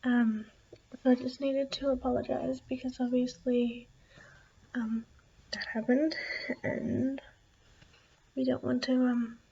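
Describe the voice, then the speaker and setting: A teenage girl chats to her viewers late at night, keeping quiet so as not to wake the house. Her high voice is hesitant and apologetic, crackling with fry and fading into breathy near-whispers. The home recording sounds a little dull. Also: little pitch movement, slow pace, long pauses. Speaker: vlogger. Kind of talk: casual video blog chat.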